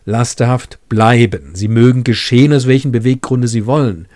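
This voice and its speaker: A man reading aloud the lines of a sober, rational young gentleman who speaks impatiently and disapprovingly. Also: medium pitch, moderate pace, natural voice.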